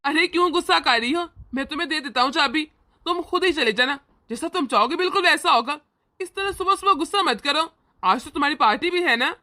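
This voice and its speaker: A woman voicing a kind, indulgent young brother in an animated family cartoon, speaking gently and reassuringly. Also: sits high, a little fast.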